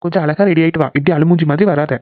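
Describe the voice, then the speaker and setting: A bossy but caring young man in a cartoon, as a voice actor puts him on, talks fast as he coaxes and gently scolds a friend. The sound is tinny and phone-like, with no room around it. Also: medium pitch, steady tone, no echo, close to an everyday voice. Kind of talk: cartoon voice acting.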